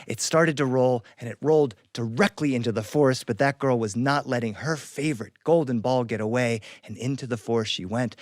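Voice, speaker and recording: A man telling a fairy tale in a lively, animated style, with spoken sound effects. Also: mid-range voice, no echo, studio quality. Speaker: storyteller. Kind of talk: animated storytelling performance.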